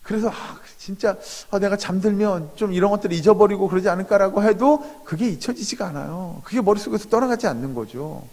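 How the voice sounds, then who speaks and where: A male pastor preaching an early morning sermon, reading scripture slowly and voicing Job's questions with rising intensity, with frequent filler sounds and direct address to the congregation. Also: high-pitched, lively intonation, a little mellow. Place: church sanctuary. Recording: long hall reverb in a church.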